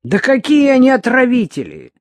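A reader voicing Lyubka, a brash, rough-spoken young woman and former convict, loud and mocking, in an audiobook. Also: mid-range voice, expressive, takes it slowly, dry recording, clean studio sound. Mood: indignant.

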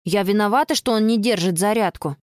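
A woman's voice: medium pitch, brisk, a little mellow, no room sound, clean studio sound, natural voice. A woman voicing a prickly, sulky young girl who snaps and grumbles, in a storybook reading. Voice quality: snappish, sarcastic.

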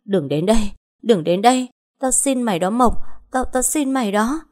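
A woman's voice: on the high side, animated, moderate pace, darkish tone, pitched above the performer's own voice, lightly acted. A woman voicing a terrified, guilt-ridden woman begging a ghost for mercy, in a panicked, shrieking, pleading manner.

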